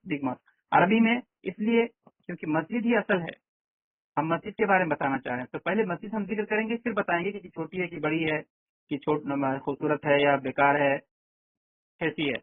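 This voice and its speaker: A man with a fairly high voice, an Arabic teacher, gives an online language lesson, explaining things step by step and frequently checking that his students follow. The audio is tinny online call sound and dry.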